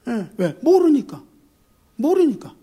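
A male pastor preaching a sermon in an emphatic, animated way, swinging from quiet asides to shouted appeals and telling lively stories. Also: extremely high pitch, slow.

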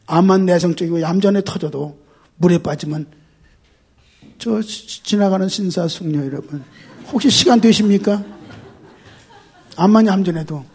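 A male pastor preaching a sermon in an emphatic, animated way, swinging from quiet asides to shouted appeals and telling lively stories. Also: high voice, normal speed, pauses often, breathy edge.

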